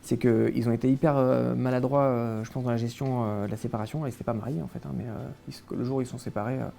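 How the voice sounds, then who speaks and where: A man's voice: mid-range voice, fairly even intonation, fast, vocal fry, warm tone. A young man from France, a guest in a casual interview, recounting his childhood with many hesitations and restarts.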